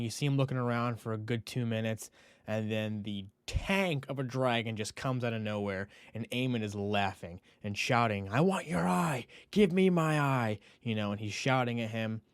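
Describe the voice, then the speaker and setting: A man's voice: mid-range voice, smooth, no echo. Man recapping a show in a dry close voice. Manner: animated storytelling, acting out characters' lines. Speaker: podcast host. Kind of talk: casual recap of a TV episode.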